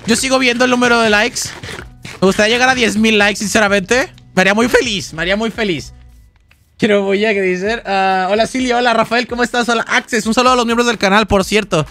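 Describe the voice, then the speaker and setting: Over soft background music, a man livestreams a game, his high voice fast, bright and forceful, with fairly even intonation. He rambles and jokes casually while reading out donations and chat messages.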